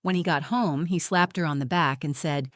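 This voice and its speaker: Measured and reflective, this narrator is a woman in her forties reading a scripted story in the first person. Her fairly low voice is recorded close and dry, with no room sound at all.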